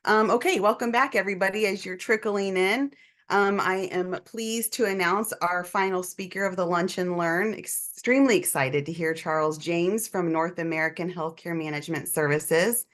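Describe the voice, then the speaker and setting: A woman with a somewhat low voice hosts an online session from a computer mic on a video call. She introduces the next speaker in a friendly way with lots of fillers. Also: moderate pace. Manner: friendly, filler-heavy hosting. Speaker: webinar moderator.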